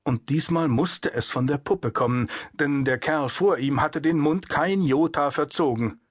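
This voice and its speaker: Männlicher Hörbuchsprecher, trocken und nah. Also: male voice, fairly high pitch, slightly rough, dry recording, studio quality. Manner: even, measured storytelling. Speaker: audiobook narrator. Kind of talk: scripted audiobook narration.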